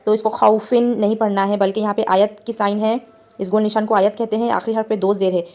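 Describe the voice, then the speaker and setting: A woman's voice: mid-range voice, little pitch movement, a little mellow. Patient woman teaching recitation rules. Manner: patient, explains each mark then models the sound slowly. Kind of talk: step-by-step recitation lesson.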